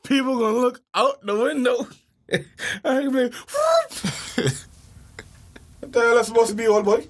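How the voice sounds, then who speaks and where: A man's voice: very high-pitched, normal speed, long pauses. A man co-hosting a casual podcast, mocking and ranting with frequent laughter. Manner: laughs often, mocking and animated. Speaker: podcast co-host. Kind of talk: casual comedic rant.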